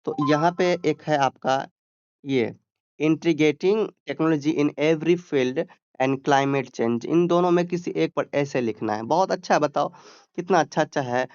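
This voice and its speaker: A man with a Hindi accent gives an exam-prep lesson in a slightly high, smooth voice. He explains step by step, stretches out English terms and keeps checking that students follow. The recording is dry and a little muffled. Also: slow pace, a little mellow, no room sound. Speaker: exam tutor.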